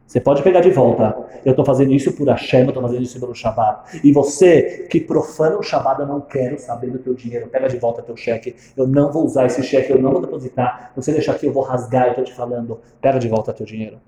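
A man's voice: mid-range voice, quick pace, hardly any pauses, dark tone, lightly acted. A man voicing a stern, devout young wife who firmly and indignantly refuses money, in an echoey room. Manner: firm and indignant.

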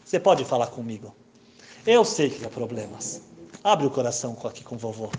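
A man voicing a kindly old man who speaks calmly and knowingly. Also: mid-range voice, fairly quick, slight background noise, pitched below the performer's own voice, natural voice. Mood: soothing.

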